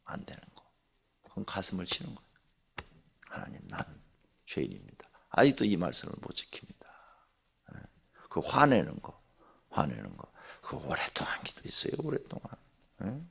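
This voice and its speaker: An older man, a pastor, preaching a conversational early-morning sermon, jumping between loud exclamations and near-whispers. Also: sits low, huge pitch swings, fairly quick, creaky, long pauses, slightly rough. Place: church sanctuary.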